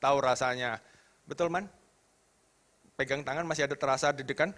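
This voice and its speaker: A man in his thirties preaching to a youth congregation, animated, asking the crowd questions. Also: medium pitch, a little fast, a little hiss or hum. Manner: animated, rising to loud emphatic questions, drops to soft tender tones. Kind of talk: sermon to youth.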